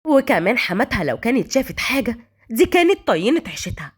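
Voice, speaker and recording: A woman's voice: fairly high pitch, very animated, fast, slightly rough, exaggerated voice. A woman voicing an older mother with an Egyptian accent, who scolds and pleads with her son. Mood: pleading. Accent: Egyptian Arabic.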